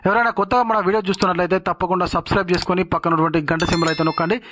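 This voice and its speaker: A man hosting a news update channel, talking in a rapid, filler-heavy way with frequent restarts. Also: high-pitched, steady tone, background noise.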